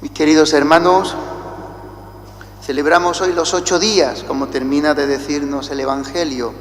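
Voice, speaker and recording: High-voiced Spanish priest in cathedral echo. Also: male voice, little pitch movement. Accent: Spain Spanish. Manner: slow and deliberate, chanting the liturgical responses. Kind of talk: liturgical homily with chanted gospel. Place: large church. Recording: echoey church with long reverb.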